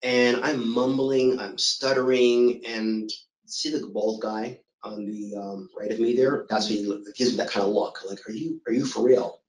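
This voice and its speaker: A middle-aged man giving a motivational talk, telling his own story in a lively way and acting out what others said to him. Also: on the low side, measured pace, reverberant, low-quality recording. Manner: storytelling, animated, acts out quoted voices. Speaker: motivational speaker.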